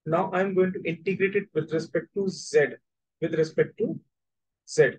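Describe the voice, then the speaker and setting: A man with a North Indian accent teaches an online maths lesson in a high-pitched, husky voice with fairly even intonation and a moderate pace, though the audio quality is poor. He explains by repeating his points, switches between languages, and checks that students understand.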